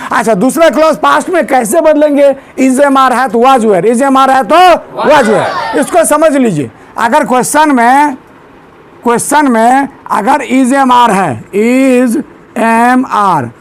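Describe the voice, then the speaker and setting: A male teacher giving a grammar lesson in a classroom, drilling students with repeated questions and asking them to answer loudly. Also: extremely high pitch. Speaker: English teacher.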